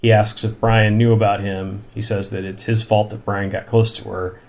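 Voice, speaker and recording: A man's voice: on the low side, flat delivery, moderate pace. A man recapping a TV episode in casual chat, incredulous and given to long run-on stretches of plot. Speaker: podcast host recapping a TV episode.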